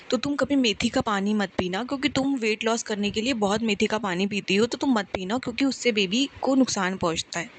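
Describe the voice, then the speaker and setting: A young woman tells a personal testimony to a congregation from home, speaking softly and pleading, with frequent direct address to her listeners. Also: medium pitch, slight background noise. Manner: speaks softly and hushed on purpose. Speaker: devotee sharing testimony.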